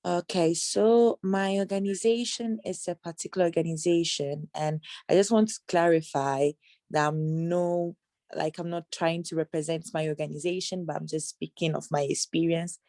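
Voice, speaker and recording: A woman from Ghana who works in anti-trafficking outreach, answering interview questions in a measured, hesitant way with many fillers, on a video call. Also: on the low side, fairly even intonation, dark tone, dry recording.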